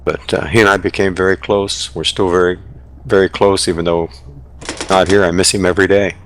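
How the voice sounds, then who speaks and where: An older man speaks a eulogy over game voice chat through a headset. His voice sits very low, and he talks in a heartfelt, halting way, often restarting his sentences. There is a faint hiss of noise behind him. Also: steady tone, a bit bright. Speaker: eulogist in an online game memorial.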